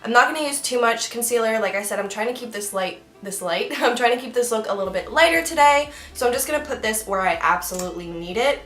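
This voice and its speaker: A woman's voice: mid-range voice, a bit bright. Chatty young woman vlogger, echoey room. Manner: chatty, giggly, self-mocking asides. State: hiccups. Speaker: beauty vlogger. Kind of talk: makeup tutorial talk.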